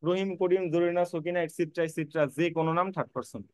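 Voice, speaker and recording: The speaker is a man whose high voice stays steady and clean as he talks quickly, with no echo. He's teaching English grammar online for admission prep, repeating points, spelling words letter by letter, and directly reassuring his students.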